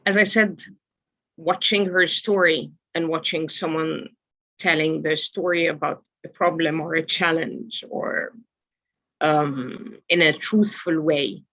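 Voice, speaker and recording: A woman presenting a storytelling workshop webinar, talking hesitantly with many filler pauses. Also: sits low, steady tone, fairly bright tone, rough recording. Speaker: workshop speaker.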